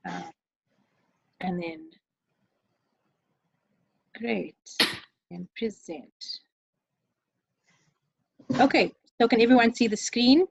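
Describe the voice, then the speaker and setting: A woman's voice: fairly high pitch, expressive, very slow, vocal fry, long pauses, husky, dry recording, highs cut off. Hesitant woman on a video call. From South Africa. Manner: hesitant, many ums, earnest. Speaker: webinar facilitator. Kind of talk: online presentation. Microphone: computer mic on a video call.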